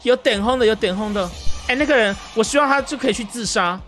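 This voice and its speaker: A woman streamer giving live gameplay commentary with explosive, swearing, shouted outbursts. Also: on the high side, fast talker. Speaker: game streamer. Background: game music.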